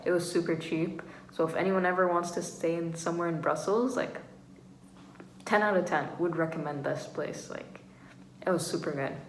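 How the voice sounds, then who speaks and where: A woman's voice: lowish voice, fairly even intonation, normal speed. A young woman travel vlogger telling stories in casual chat, rambling and full of filler "like"s. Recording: echoey room with faint noise.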